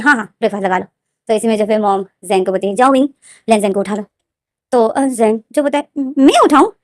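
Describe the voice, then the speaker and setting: A woman's voice: darkish tone, no room sound, clean studio sound. A woman casually retelling a fan fiction story, acting out the characters' dialogue with a raised voice. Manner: narrates and acts out dialogue lines with raised pitch.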